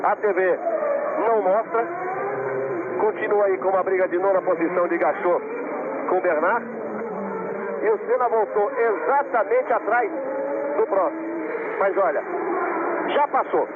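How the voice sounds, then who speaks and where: A man's voice: high voice, moderate pace, pauses often. A Brazilian man giving live motorsport play-by-play commentary, dramatic and repeating phrases for emphasis. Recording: tinny radio-like broadcast, engine noise behind.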